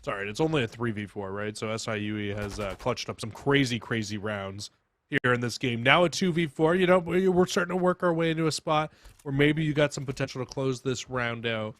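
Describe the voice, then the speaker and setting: A man with an average-pitched voice commentates as an esports caster. He mixes live calls with analysis. His delivery is emphatic and opinionated, leaning on repeated words to drive a point home. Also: fairly quick, a bit bright.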